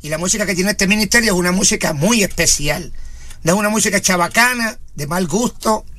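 A man's voice: high-pitched, fairly quick, sharp tone. A man, preaching and praying fervently on a radio ministry program, with frequent interjections of praise. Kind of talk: radio sermon and prayer.

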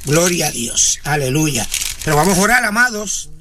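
Fervent high-voiced preacher. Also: male voice, big pitch swings, moderate pace, noisy background. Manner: fervent, frequent interjections of praise. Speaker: pastor and radio preacher. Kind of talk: radio sermon and prayer.

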